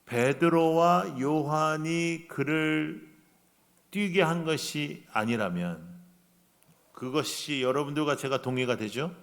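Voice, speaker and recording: A man preaching a revival sermon in a church, acting out voices in his story and shifting between loud outbursts and hushed lines. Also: a little high, slow pace, creaky. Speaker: guest preacher. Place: church sanctuary.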